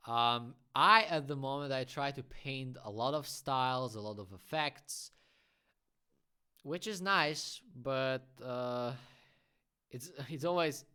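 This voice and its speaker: In a mid-range voice that comes across bright and pushed, a man hosts a relaxed livestream Q&A about his graffiti work. English isn't his first language. He chats freely and bluntly, offering opinions peppered with friendly asides.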